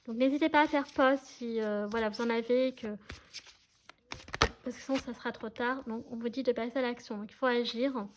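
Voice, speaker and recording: A woman's voice: a little high, fairly even intonation, normal speed, noisy background. A woman giving a casual tarot reading to her viewers, chatty and hesitant, often checking that they follow her. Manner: chatty, hesitant, many fillers, addresses viewers directly. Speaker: tarot card reader.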